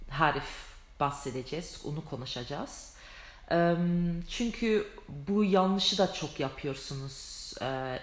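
A woman giving a casual vlog lesson on English pronunciation, chatty and self-deprecating, acting out sounds with exaggerated mouth shapes. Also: low-pitched. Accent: non-native Turkish, foreign-tinged. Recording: echoey room.

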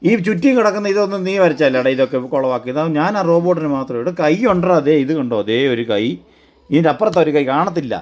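A man's voice: on the high side, lively intonation, fast talker, a little mellow. A father in a casual family video, coaxing and half-laughing, sometimes exasperated, as he talks to his child.

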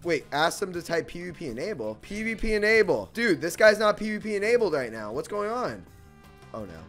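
A young man with a bright, fairly high voice plays the hyped gamer bro in excitable gameplay commentary. He talks in slangy bursts and repeats short phrases, with music behind him. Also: brisk. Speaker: gaming video host.

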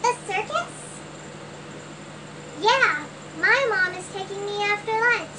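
Chirpy little girl, voiced by a performer, excited, sped-up and high, distant with background noise. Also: takes it slowly. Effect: sped-up, pitch-raised playback.

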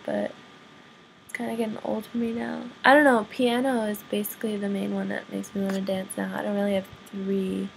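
A young woman answering viewer questions in a casual vlog, rambling and self-deprecating, with lots of ums and quick apologies. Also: mid-range voice, vocal fry, a little hiss or hum, rough recording. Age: young adult.

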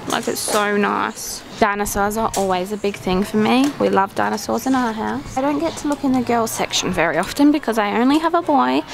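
Holding a camera at arm's length, a young Australian woman gushes enthusiastically through a casual shopping vlog inside a crowded department store. Her voice is high-pitched and creaky.

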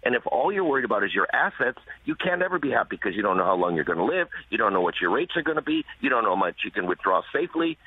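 Fast-talking man on a phone line. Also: fairly low pitch, breathy edge, dry recording. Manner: emphatic, repetitive, persuasive. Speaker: guest author. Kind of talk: radio interview.

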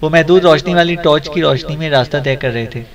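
A man narrating an adventure novel as an audiobook, in a steady, even storytelling voice. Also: a little high, fast, a crowd in the background.

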